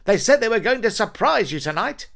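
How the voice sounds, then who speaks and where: Cartoon grump, man voicing a pompous old Englishman, huffy, snobbish, lively swings in pitch. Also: fairly quick, vocal fry, heavily acted. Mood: grumpy.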